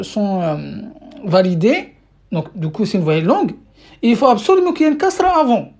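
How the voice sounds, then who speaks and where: A woman's voice: medium pitch, a little mellow. A woman giving a live-streamed Arabic lesson in French, patiently repeating questions to her viewers, with many fillers and restarts. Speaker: Arabic teacher. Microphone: phone or webcam mic.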